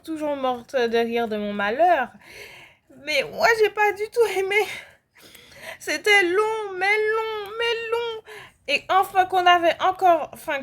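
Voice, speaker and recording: Chatty high-voiced French young woman. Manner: rambling, lots of fillers and restarts, sudden outbursts. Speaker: gaming vlogger. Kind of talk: casual chat while playing.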